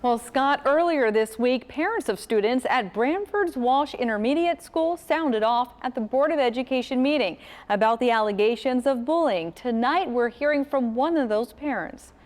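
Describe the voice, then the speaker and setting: A woman's voice: high voice, moderate pace, hardly any pauses. Female news reporter, reverberant studio. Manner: formal, steady delivery.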